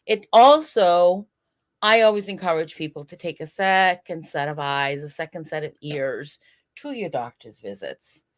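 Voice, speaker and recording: A woman with a low voice, appearing as a guest on a podcast and serving as a program director, earnestly advises listeners at a measured pace in casual interview talk.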